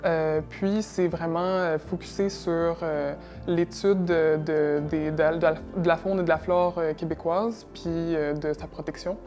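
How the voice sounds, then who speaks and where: A young woman who grew up in Russia, an environmental technician appearing as an interview guest, answers questions slowly and hesitantly in a low, mellow, steady voice. She often pauses on fillers and repeats words, with soft music playing behind her.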